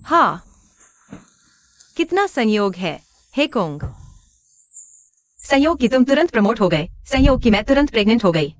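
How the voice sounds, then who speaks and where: A woman's voice: on the high side, very animated, measured pace, long pauses. A wronged, defiant young woman. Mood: accusing. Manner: angry, accusing. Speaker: dubbed drama actress.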